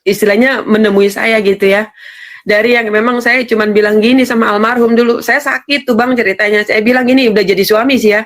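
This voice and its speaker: A woman's voice: a little high, steady tone, a little fast. A woman giving an earnest personal testimony in an interview, often addressing the host directly.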